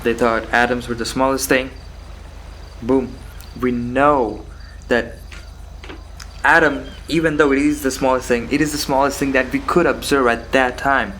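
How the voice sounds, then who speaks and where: A man of medium pitch thinks aloud in a solo philosophical monologue. He moves haltingly, repeating phrases and posing questions to himself. Faint background noise with crickets and insects sits behind his voice. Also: steady tone, a bit bright. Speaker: solo host of a philosophical talk.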